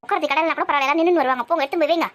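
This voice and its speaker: A woman with a high, somewhat bright voice takes the role of a village housewife, nagging and scolding in quick everyday family back-and-forth.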